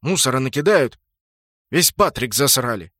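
A man's voice: mid-range voice, animated, normal speed, sharp tone, dry recording, studio quality. A man voicing a grumpy male city guard in a game story who swears and grumbles. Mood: angry. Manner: gruff, grumbling.

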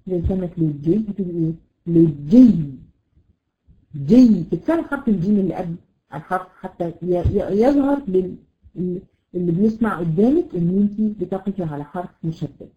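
A woman with an Egyptian accent teaching a tajweed lesson, slowly drawing out example words with many fillers. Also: fairly low pitch, lively intonation, dull audio. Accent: Egyptian Arabic. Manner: patient, drawn-out example words, frequent fillers. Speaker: Quran recitation teacher.

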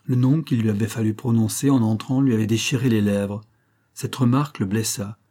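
This is a man narrating an audiobook of a classic novel. His voice sits on the low side, and his reading is measured yet expressive.

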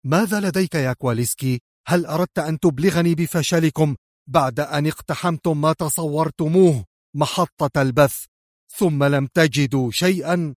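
A man's voice: mid-range voice, moderate pace, no room sound, clean studio sound, lightly acted. A man voicing a harsh male crime boss who speaks sternly and in anger. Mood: angry. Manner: sharp, stern, furious.

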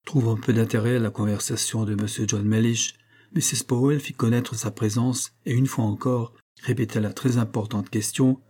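A man narrating a novel as an audiobook in a measured, even reading manner. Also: mid-range voice.

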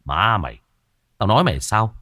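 A male narrator voicing a gruff, hot-tempered older brother who scolds bluntly in a ghost story. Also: fairly low pitch, very animated, measured pace, a bit bright, dry recording, studio quality. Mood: angry scolding.

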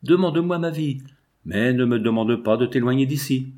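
A man's voice: mid-range voice, normal speed, a little mellow, close to an everyday voice. A frightened, loving mother, anguished and pleading, as a man reads her lines. Her words come strained with fear in an old-fashioned storybook. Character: anxious loving mother, fearful of losing daughter.

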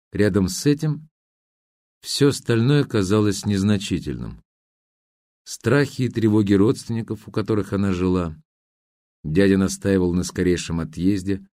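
A man narrating a novel as an audiobook, in an even, measured storytelling manner. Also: low-pitched, no echo, clean studio sound.

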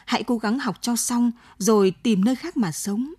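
A woman puts on an elderly father in a storybook reading, desperate and begging, his voice pitched up and raised above her calm telling. The tone is dark and husky, and the recording is dry and close. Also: measured pace, dry recording. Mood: pleading. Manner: begging, then hard and resolute.

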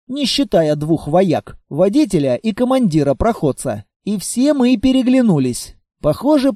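A male audiobook narrator with a fairly high voice, mellow and dark in colour. He reads a first-person story in a steady, even way, recorded close and very dry. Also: dry recording.

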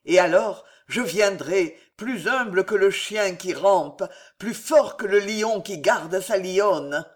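A man reading aloud and voicing a passionate, desperate young nobleman with intense, forceful declamation. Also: sits high, animated, measured pace.

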